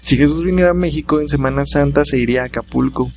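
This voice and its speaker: A podcast host with a Mexican accent runs a solo comedy show in a slightly high, creaky, somewhat mellow voice at a quick pace. He fires off jokes in casual slang and laughs at his own lines.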